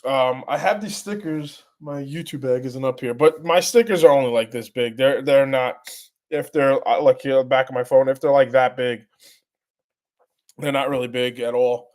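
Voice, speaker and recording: A man hosts a casual live stream with a congested, stuffy voice at an ordinary middle pitch. He rambles in halting bursts and often trips over his own words before starting the sentence again. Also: darkish tone. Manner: rambling, halting, many restarts. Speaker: channel host answering live chat.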